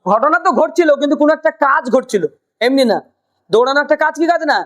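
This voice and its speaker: A woman with a high voice runs a spoken English lesson. She asks the same question again and again and slows down on the key phrases for her learners to repeat. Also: expressive, poor audio. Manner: drills learners with repeated questions and slow prompts. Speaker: English teacher.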